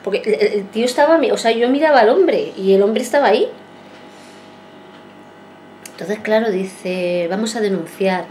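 A woman's voice: mid-range voice, normal speed, pauses often, a little mellow, slight background noise. A woman in her forties, a vlogger telling a long story to her viewers in a rambling way, repeating herself and acting out what people said. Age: 40s. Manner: rambling, repeats herself and acts out quoted speech.

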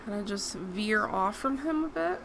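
A young Puerto Rican woman, a gaming YouTuber, chats casually over gameplay, talking to the characters on screen and scolding them in bursts of outrage. Her voice is medium-pitched and creaky, with lively intonation at a normal speed. The home recording is noisy.

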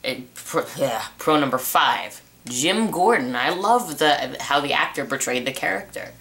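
Young dude rambling thru a tv review, bright sharp tone, lots of restarts. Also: male voice, fairly high pitch, animated, a little slow, creaky. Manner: rambling, repeats himself with many restarts and uh fillers. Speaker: TV show reviewer. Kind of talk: casual spoken review.

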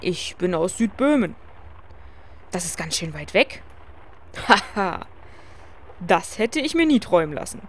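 A woman's voice: very animated, a little slow, long pauses. Woman doing a hearty Bohemian innkeeper man. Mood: delighted. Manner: hearty, booming laughter.

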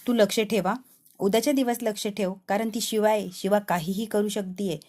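A woman voicing a bossy woman who briskly directs the wedding rituals and gives orders. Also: mid-range voice, steady tone, a little mellow, lightly acted. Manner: brisk, commanding.

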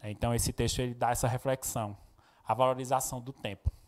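A man from Pernambuco teaching a recorded Portuguese lesson, explaining punctuation and reading poems aloud with expressive intonation. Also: medium pitch, fast talker. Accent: Brazilian Portuguese, Pernambuco. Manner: explanatory, frequent tag questions, expressive when reading poems.

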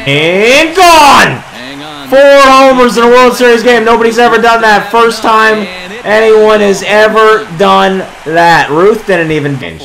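Excitable high-voiced man calling gameplay. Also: moderate pace, poor audio. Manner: excitable, calling home runs like a sportscaster. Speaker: gaming video creator. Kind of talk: gameplay commentary.

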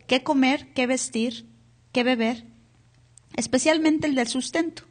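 High-voiced woman pastor preaching live. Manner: asks the congregation to repeat words aloud. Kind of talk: sermon. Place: church hall, captured live.

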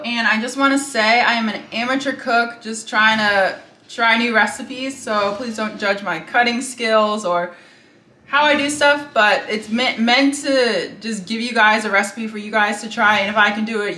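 Bright-voiced woman chatting while cooking. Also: on the high side, moderate pace. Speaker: cooking vlogger. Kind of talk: casual cook-along narration. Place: home kitchen with sizzling pan. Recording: echoey kitchen, faint noise.

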